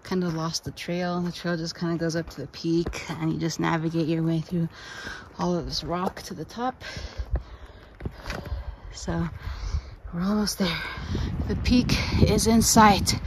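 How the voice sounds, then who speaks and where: A woman's voice: lowish voice, steady tone, a little slow, pauses often, background noise. A woman narrating a casual hiking vlog outdoors on a mountain trail, gushing with enthusiasm. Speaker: vlogger.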